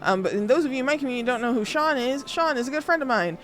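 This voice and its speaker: A woman's voice: high voice, expressive, rapid-fire. A woman livestreaming a game, chatting casually in a bubbly, playful, rambling way. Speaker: game streamer. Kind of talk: casual livestream chat while gaming. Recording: music behind the voice. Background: music.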